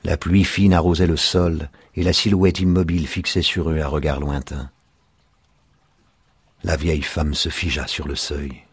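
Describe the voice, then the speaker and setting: Very deep, husky male narrator. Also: no room sound. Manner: calm, measured storytelling. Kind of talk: audiobook reading.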